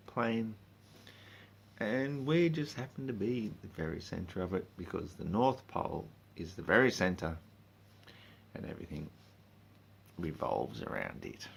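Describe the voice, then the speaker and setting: A man in a drunken, rambling, sweary rant, speaking informally and haltingly, with emphatic bursts and muttered asides. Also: fairly low pitch, gravelly, a bit bright. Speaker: monologue speaker.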